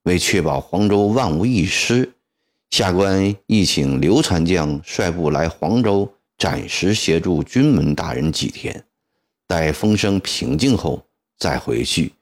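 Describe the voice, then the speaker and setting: A man's voice: sits low, expressive, measured pace, voice pushed down, full character voice. A man voicing a fussy, talkative male civil official who speaks in a wordy, deferential way. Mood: persuasive.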